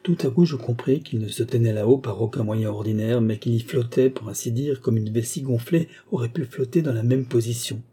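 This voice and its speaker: A man reading a story aloud as an audiobook narrator, with a measured, even storytelling manner. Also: mid-range voice, breathy edge. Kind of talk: scripted narration.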